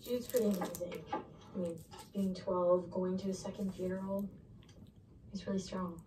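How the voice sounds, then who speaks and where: A woman's voice: on the low side, fairly even intonation, moderate pace, mellow, far from the mic, a little hiss or hum, lightly acted. An actress playing a caring young woman who comforts her friends in a TV drama. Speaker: character in a TV drama. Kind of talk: scripted TV drama acting. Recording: TV audio heard from across a roomy space.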